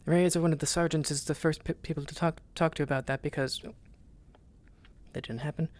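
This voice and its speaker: A man talking casually in character during an online roleplay, halting and repeating words as he restarts. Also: a little high, fairly even intonation, a little mellow.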